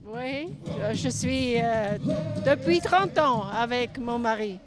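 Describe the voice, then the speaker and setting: High-voiced mature woman. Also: slow pace. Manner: simple short phrases, non-native grammar. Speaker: interviewee, founder's wife. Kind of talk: informal on-location interview. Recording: loud music, outdoor urban sound behind.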